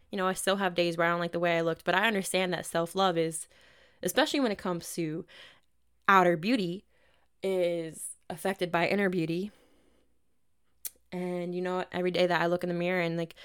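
Smooth-voiced woman, candid podcast host. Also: on the low side. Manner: candid, profane, self-help pep talk. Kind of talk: casual advice monologue.

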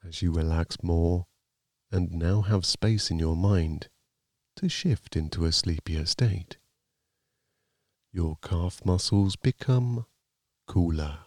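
A man narrating a guided sleep meditation like a sleep story, in a calm, soothing, gently measured manner. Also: sits low, no echo, studio quality.

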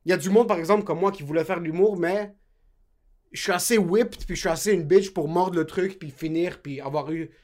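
A young man with a Québécois accent talks quickly and loosely, dropping English slang into his French. His voice sits somewhat high for a man, and he keeps a casual co-host tone throughout. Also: darkish tone. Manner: loose slangy talk mixing in English words. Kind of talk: casual chat.

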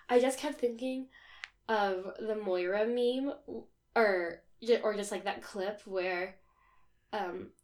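A woman co-hosting a podcast in casual chat, with a hoarse, raspy smoker's voice from a sore throat. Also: mid-range voice. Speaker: podcast co-host.

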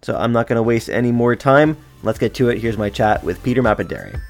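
A man's voice: medium pitch, lively intonation, brisk, vocal fry, soft background music. A man hosting a soccer podcast, chatty and enthusiastic with casual fillers. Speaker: podcast host. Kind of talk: podcast intro and interview.

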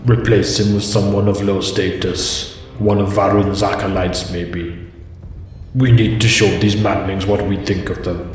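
Man putting on a deep dwarf lord in cave echo. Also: little pitch movement, a little slow. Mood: commanding. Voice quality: cavern-deep rumbling voice. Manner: haughty, commanding. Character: imposing proud male dwarf lord. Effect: heavy cave-like echo. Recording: long echoing reverb, faint noise.

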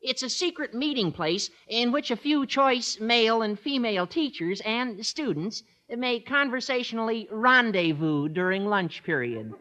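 A man playing an eager, scheming teenage schoolboy in old radio comedy, squeaky and self-important. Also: expressive, measured pace, few pauses, bright, forceful tone, heavily acted. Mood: proud, conspiratorial.

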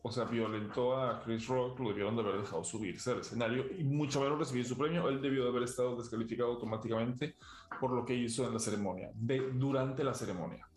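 A man's voice: mid-range voice, fast talker. Opinionated man in a roomy space. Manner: emphatic, opinionated. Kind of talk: casual chat.

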